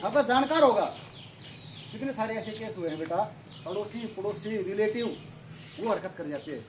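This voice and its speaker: Male self-defense trainer, commanding, repeats short cues, outdoors with clear background noise. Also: high-pitched, a little fast. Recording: noisy outdoor recording.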